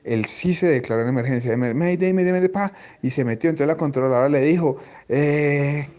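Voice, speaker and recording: A man's voice: mid-range voice, fairly quick, darkish tone, muffled recording. A man, an airline pilot, casually retelling a story in crude slang.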